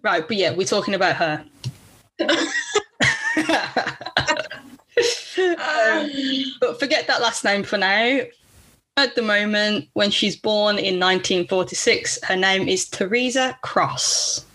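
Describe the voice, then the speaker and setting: A woman's voice: medium pitch, a little slow, pushed and bright. A woman hosting a true-crime podcast, telling the case in a casual, blunt way and swearing freely. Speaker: podcast host.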